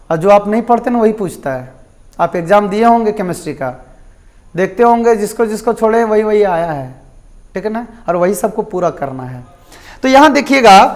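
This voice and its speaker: A male chemistry teacher with a Jharkhand Hindi accent, giving a classroom lecture and often checking in with his students and answering his own questions. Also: high voice.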